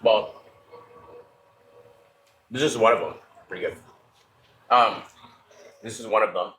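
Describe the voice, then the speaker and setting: A man's voice: fairly low pitch, slow pace, fairly bright tone, a little hiss or hum, rough recording. A male chef chatting casually in a restaurant kitchen, teasing with dry humor. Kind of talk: casual chat.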